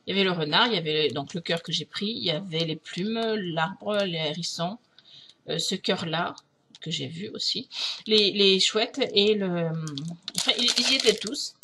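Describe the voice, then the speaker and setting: A woman's voice: fairly low pitch, moderate pace, noisy background. A middle-aged woman from France chatting casually through a craft haul, hesitant, with many fillers and restarts. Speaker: craft vlogger.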